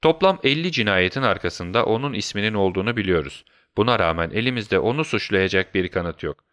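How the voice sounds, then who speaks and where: A man's voice: fairly low pitch, lively intonation, fairly quick, a bit bright, no echo, clean studio sound. A man voicing an earnest, determined young male detective.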